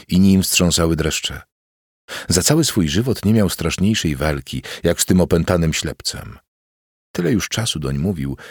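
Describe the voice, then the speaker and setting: A man narrating a historical novel in a measured, grave reading. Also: a bass voice, breathy edge, no room sound, studio quality. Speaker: audiobook narrator.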